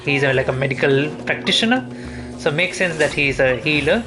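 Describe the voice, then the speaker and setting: Game music plays as a man livestreams his gameplay, his fairly high voice animated and brisk. He rambles and hesitates, thinking out loud and chatting casually while he plays.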